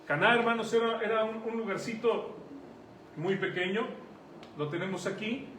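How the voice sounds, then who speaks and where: A man's voice: high voice, moderate pace, a bit bright. A man with a Mexican accent preaching a sermon in a conversational way, putting questions to his congregation. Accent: Mexican Spanish. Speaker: pastor. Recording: echoey room, mic at a distance, faint noise.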